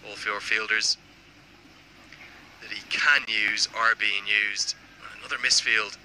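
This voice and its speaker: A man's voice: fairly low pitch, fairly even intonation, takes it slowly, sharp tone, slight background noise, low-quality recording. A man giving live cricket commentary and reading out viewer messages. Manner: reads viewer messages aloud.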